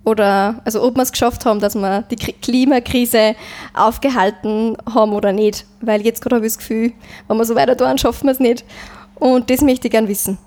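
Higher-voiced Upper Austrian woman. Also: steady tone, fairly quick, few pauses, darkish tone. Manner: thoughtful, searching for words. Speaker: musician guest. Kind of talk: casual interview chat.

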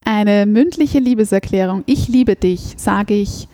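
A woman's voice: mid-range voice, a little slow, warm tone, no room sound. A woman hosting a podcast, putting short prompting questions to her guest. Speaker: podcast host. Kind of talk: interview questions.

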